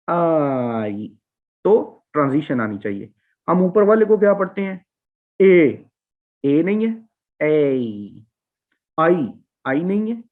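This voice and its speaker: A man teaching English phonetics in a recorded classroom lecture, slowly repeating vowel sounds to demonstrate them. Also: sits high. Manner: slow, repetitive, demonstrating vowel sounds aloud. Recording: tinny, phone-like lo-fi audio.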